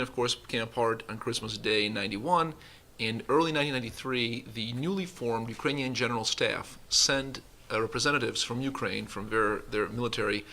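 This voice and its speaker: On a conference panel in a conference room, a company vice president in his forties speaks earnestly, his pace uneven and broken by a few restarts. His mid-pitched voice comes across as bright and pushed.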